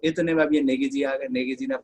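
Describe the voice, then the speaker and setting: Male English teacher, husky mid-range voice, animated and chatty with students. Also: mid-range voice, a little fast, rough recording. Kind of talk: classroom lecture with storytelling.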